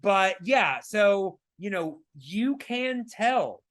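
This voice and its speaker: A man with a raspy, fairly high voice, chatting casually on a podcast. He talks emphatically, stopping and restarting his sentences often, with plenty of fillers. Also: animated, extremely slow, fairly bright tone. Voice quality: raspy today. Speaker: podcast co-host.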